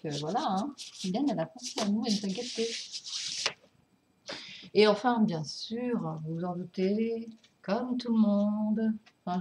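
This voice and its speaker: Casting: woman, slow-paced, mellow voice, fumbling and apologetic home collector on camera, faint hiss. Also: medium pitch. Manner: hesitant, many fillers and apologies; excited, laughs often. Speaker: record collector showing vinyls. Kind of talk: casual unboxing vlog.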